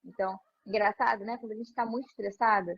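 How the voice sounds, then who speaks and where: A woman's voice: mid-range voice, steady tone, fast, creaky, breathy edge. A woman, a mother talking conversationally about parenting in a live stream, often adding "né?". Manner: conversational, frequent "né?" tag questions. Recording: muffled lo-fi stream audio.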